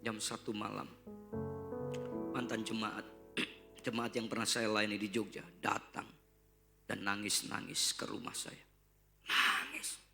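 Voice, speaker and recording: Gravelly preacher man. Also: fairly low pitch, level tone, a little slow, pauses often. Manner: preaching with big swings between shouts and hushed whispers. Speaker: pastor. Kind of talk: sermon. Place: church hall. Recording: live church sermon with guitar. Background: guitar music.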